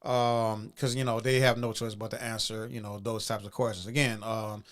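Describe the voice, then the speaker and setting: A man's voice: lowish voice, flat delivery, moderate pace, a bit bright. A man hosting a casual livestream podcast, rambling with many fillers and restarts. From Chicago. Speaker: podcast host.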